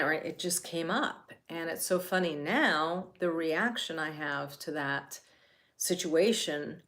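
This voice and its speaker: A middle-aged woman from New Jersey guides a self-care healing session while talking casually, chatty and rambling with many restarts. Her voice sits low and has a fairly bright tone.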